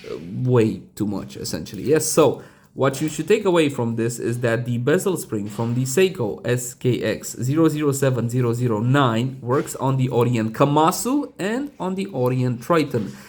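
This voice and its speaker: A man's voice: mid-range voice, lively intonation, moderate pace, darkish tone. A man talking through a hands-on watch repair tutorial in a chatty, digressive way with casual asides. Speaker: watch reviewer.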